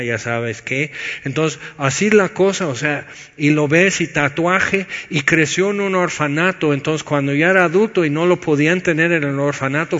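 A man preaching a sermon, moving between loud urging and hushed, low-voiced emphasis. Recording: dull sound with long hall reverb.

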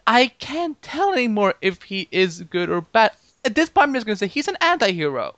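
A man co-hosting a podcast in casual chat, animated and jokey, laughing often. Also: high voice, a little fast, dry recording. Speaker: podcast co-host.

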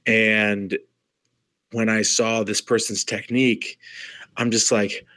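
A man who works as a nurse, co-hosting a podcast in casual chat, telling stories in an animated way and acting out exasperated exclamations. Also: lowish voice, slow pace, no room sound. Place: home, dog nearby.

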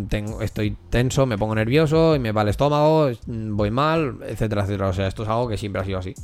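A man's voice: lowish voice, darkish tone. Swearing man in casual chat. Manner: candid, swears a lot, many restarts. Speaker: podcast co-host.

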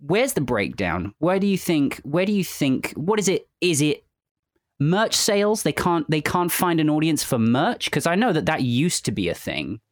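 A man's voice: on the high side, big pitch swings, moderate pace, no room sound, clean studio sound. A man hosting a podcast, chatting casually and keenly with his guest, repeating words as he works out his questions. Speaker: podcast host. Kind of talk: casual interview chat.

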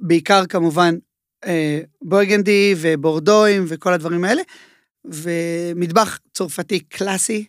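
A man talking as a chef guest in a casual interview. He tells his stories in an animated way and uses a lot of filler words. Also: sits high, dry recording, clean studio sound. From Israel.

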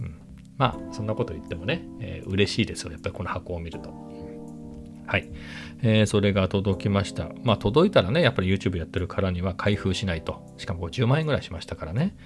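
A man vlogging at home about his new camera lens, rambling casually and sometimes dropping to a hushed voice. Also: expressive, fast talker, over music. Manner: rambling, chatty, sometimes drops to a hushed low voice. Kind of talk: casual chat. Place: at home with family in next room.

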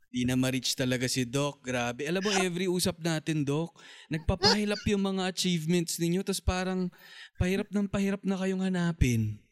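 A man's voice: high voice, moderate pace, clear, resonant tone. A man hosting a talk show in a playful, teasing casual chat. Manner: teasing, joking, plays skits. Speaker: podcast host.

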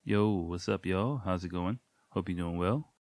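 Late at night at home, a man with a low, darkish voice hosts his own casual solo podcast, speaking at a measured pace with a cold-stuffed nose. He rambles loosely, full of ums and jokey sound effects, and the recording has no room sound.

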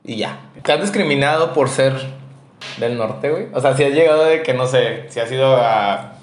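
A man's voice: mid-range voice, moderate pace, reverberant. A man from Nuevo León with a northern Mexican accent, co-hosting a podcast in rambling, slangy casual chat. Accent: northern Mexican (Monterrey). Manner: rambling, slangy, asks questions. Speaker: podcast co-host.

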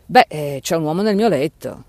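A man voicing a tipsy young man who is bewildered and blustering in a dark inn room, in a storybook reading. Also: a little high, expressive, moderate pace, no room sound.

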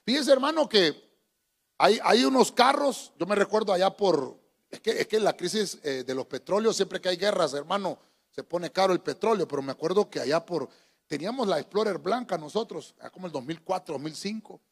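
A man's voice: sits high, lively intonation, a little fast, vocal fry. A man preaching to his congregation in a folksy, joking way, often calling them brother. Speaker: pastor. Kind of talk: sermon. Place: church. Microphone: handheld microphone.

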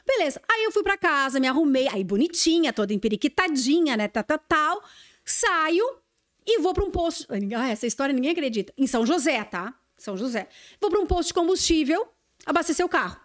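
In a relaxed podcast conversation, this woman, a TV journalist, recounts a story and performs the lines people said with real animation. She speaks fairly quickly in a high register.

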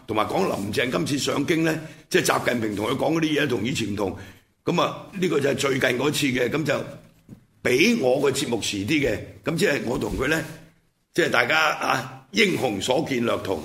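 A gravelly, creak-laden male voice of middling pitch, with a Hong Kong Cantonese accent. He delivers off-the-cuff political and historical commentary as a show host. His phrasing is blunt and colloquial, and he keeps checking in with rhetorical tag questions. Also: fairly bright tone. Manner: punctuates points with frequent rhetorical check-in questions.

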